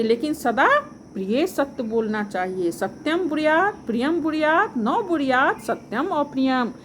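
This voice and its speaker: A woman teaching an online class, slowly repeating key points and quizzing her pupils. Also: high voice. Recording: faint background noise.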